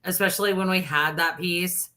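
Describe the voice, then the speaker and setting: Bright, lowish woman chatting sports. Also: steady tone, normal speed. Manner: chatty and candid, lots of "like" and "literally". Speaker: podcast host. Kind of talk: casual sports chat.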